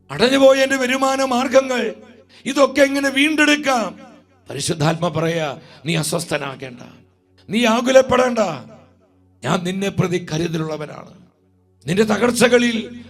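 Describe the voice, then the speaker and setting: A man with a Malayali accent preaching a sermon, slow and drawn out, with emphatic repetitions. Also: high-pitched.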